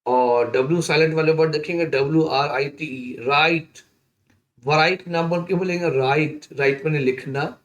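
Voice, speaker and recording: A man teaching a lesson, slowly spelling out words letter by letter. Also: fairly high pitch, muffled recording. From India. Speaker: English teacher. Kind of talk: spoken English lesson.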